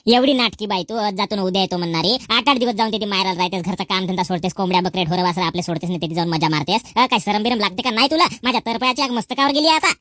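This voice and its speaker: A woman playing a sharp-tongued old village mother-in-law who scolds and taunts without pause. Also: medium pitch, no echo, studio quality, lightly acted. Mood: furious. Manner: nagging, taunting, rapid scolding. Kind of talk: rural comedy skit.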